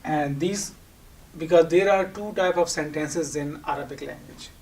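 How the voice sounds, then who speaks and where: A fairly high, slightly mellow voice at a moderate pace belongs to a teacher with a Pakistani accent and Urdu as his first language. He explains his lesson by posing questions and answering them, and the distant mic captures audible background noise.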